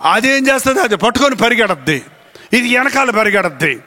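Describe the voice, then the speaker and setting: Male pastor, high bright voice, animated sermon delivery. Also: fairly quick. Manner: animated preaching, acts out voices of family members.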